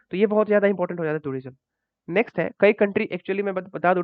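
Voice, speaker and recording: A man's voice: on the high side, no echo. A man teaching current affairs for exams over slides, in a conversational way that keeps checking in with "ठीक है". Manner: conversational, repeats points and adds checks like "ठीक है". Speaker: exam coaching teacher. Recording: tinny phone-like dry audio.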